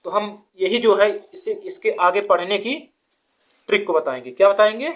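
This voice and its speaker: A woman's voice: mid-range voice, moderate pace. A woman teaching a child to count, patiently asking quiz questions and counting numbers aloud step by step.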